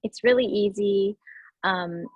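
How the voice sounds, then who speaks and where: A woman's voice: mid-range voice, slow pace, husky, no room sound, dull audio. A woman guest on a podcast call, talking casually, laughing often and saying "like" a lot. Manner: warm, laughing, uses "like" a lot. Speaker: guest author and coach. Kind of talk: casual interview chat. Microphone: video call.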